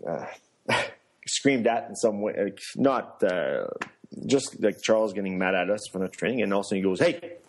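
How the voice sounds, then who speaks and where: Middle-aged male guest, low voice, rambling storyteller full of restarts and little laughs. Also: normal speed. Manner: rambling, with many restarts and fillers; laughs while telling stories. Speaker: guest, former luge athlete and coach. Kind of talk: casual storytelling in an interview.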